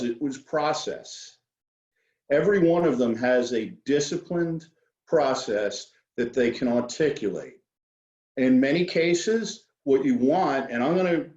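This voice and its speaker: Through dull lo-fi audio with a roomy echo, a guest speaker with a medium-pitched, darkish voice talks informally about finances. He's a Queens-born wealth management expert with a New York accent who slips in folksy jokes.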